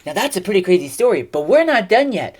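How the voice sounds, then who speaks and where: A young woman teaching a children's Bible lesson, telling the story in an expressive, animated way. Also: medium pitch, fast, breathy edge.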